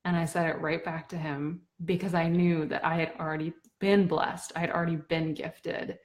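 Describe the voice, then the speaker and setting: A woman's voice: low-pitched, level tone, normal speed. A woman in her thirties telling a personal story in an earnest, reflective way. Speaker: blogger sharing a personal story. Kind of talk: reflective personal talk to camera.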